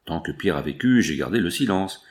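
A man's voice: sits low, animated, fairly quick. A man reading an audiobook voices a passionate, brooding factory foreman who pleads insistently. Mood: fervent. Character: passionate working-class foreman, brooding and intense.

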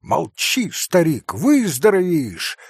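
A man reading aloud, voicing a proud, impulsive teenage boy who bursts out loudly. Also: medium pitch, big pitch swings, slow, slightly rough, no room sound, clean studio sound, full character voice. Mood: brash excited. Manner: brash, loud outbursts.

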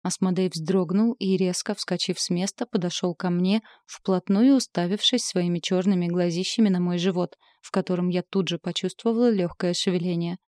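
A woman reading a first-person fantasy story aloud with a steady, even delivery. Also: on the low side, normal speed, few pauses, no echo, clean studio sound. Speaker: audiobook narrator.

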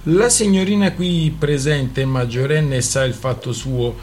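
A man voicing a bald, composed gentleman who speaks calmly and formally. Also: mid-range voice, a little slow, slight background noise, natural voice. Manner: calm, formal.

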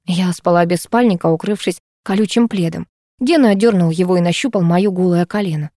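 A woman narrating a first-person novel aloud on a close mic, in a steady, absorbed storytelling manner. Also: fairly low pitch, fairly quick, dry recording. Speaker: audiobook narrator.

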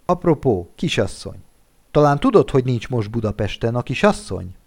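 A man voicing Tubák, an aging gentleman who speaks in a wry, teasing, muttering way in a storybook reading. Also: medium pitch, sing-song.

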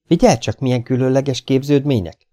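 A man voicing a calm spaceship captain. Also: medium pitch, dry recording, studio quality, voice pushed up, lightly acted. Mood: eager.

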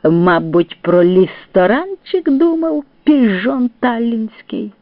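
A man's voice: high voice, sing-song, moderate pace, dry recording, pitched above the performer's own voice. A man voicing a grumbling, scolding male paratrooper who tells off a comrade in a read-aloud story. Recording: tinny phone-like dry sound.

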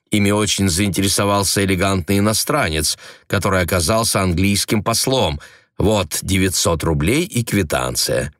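A man's voice: low voice, a bit bright, dry recording, clean studio sound. A man voicing a prim, matter-of-fact young woman in a storybook reading.

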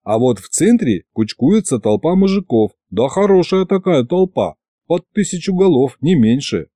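A male narrator reads a first-person fantasy tale in an audiobook, wry and expressive, with a lively rise and fall in his voice. His tone is mellow and dark, recorded close and dry. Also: on the high side, moderate pace, no echo.

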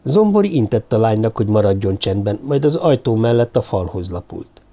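A man narrating a novel in a steady storytelling manner. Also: fairly low pitch. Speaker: audiobook narrator. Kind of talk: scripted narration.

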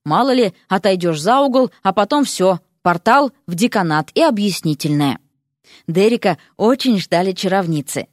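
A woman narrating a storybook in an expressive way. Her pitch moves a lot across each phrase. The recording is close and dry. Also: dry recording. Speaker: audiobook narrator.

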